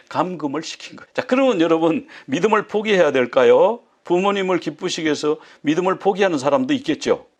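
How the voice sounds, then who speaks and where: A male pastor preaching a sermon, telling a story and acting out the voices of the people in it. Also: on the high side.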